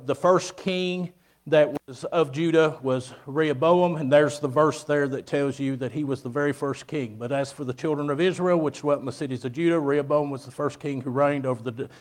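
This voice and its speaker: A man's voice: fairly high pitch, darkish tone. A man giving an informal sermon and Bible lesson at a pulpit microphone in a church sanctuary. He speaks plainly, with many fillers and restarts. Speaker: guest preacher.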